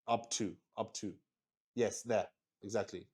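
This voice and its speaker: A man with a fairly low, slightly rough voice hosts a solo roleplaying game, improvising his casual narration. He speaks excitably, stopping and starting, repeating himself, and swearing mildly.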